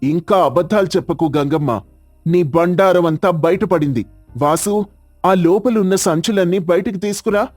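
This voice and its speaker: An earnest young village doctor speaks firmly and with resolve in a storybook tale played by a man. The voice is slightly high and clear, recorded dry and close, with faint music behind. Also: moderate pace, darkish tone, no room sound. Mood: accusing. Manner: firm, earnest.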